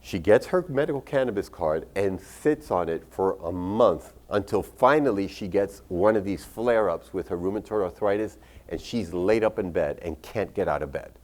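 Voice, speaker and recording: A man's voice: low-pitched, lively intonation, normal speed, a little mellow. A man who is a doctor recommending medical cannabis, telling patient stories in a candid way with casual swearing. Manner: candid storytelling with casual profanity. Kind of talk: expo talk with patient stories.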